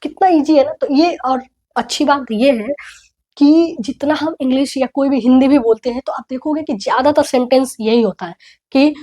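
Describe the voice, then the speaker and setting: A woman with an Indian accent gives a recorded English grammar lesson, her voice sitting high. She explains patiently, drills each example sentence slowly and keeps checking that her students follow. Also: warm tone. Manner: explains patiently, repeats phrases slowly for drilling, asks "है ना?" often. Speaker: English teacher. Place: indoors, writing on a board.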